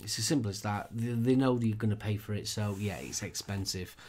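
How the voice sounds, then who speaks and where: A man's voice: fairly low pitch, brisk, a little mellow. Chatty man giving tips. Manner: chatty, laughs often, gives practical tips. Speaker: co-host. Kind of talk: casual podcast chat.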